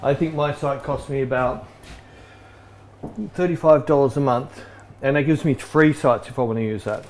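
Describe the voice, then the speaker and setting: Australian male host, relaxed rambling chat, light background noise. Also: medium pitch, normal speed, long pauses. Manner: laid-back, rambling, laughs easily. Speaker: photographer hosting a live stream. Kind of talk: casual chat while cooking. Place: home kitchen in a wooden cabin.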